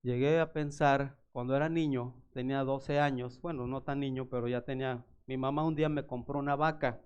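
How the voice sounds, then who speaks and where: A man's voice: medium pitch, fairly quick, clean tone, dull audio. A male pastor, preaching a sermon through personal stories and acting out the voices of the people in them. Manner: animated storyteller acting out voices. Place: church.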